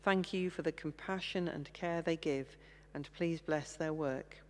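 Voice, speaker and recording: A deep-voiced English woman leads intercessions, reading prayers slowly and in a measured way inside a large, reverberant church. She speaks at a stand mic, with the camera set far off.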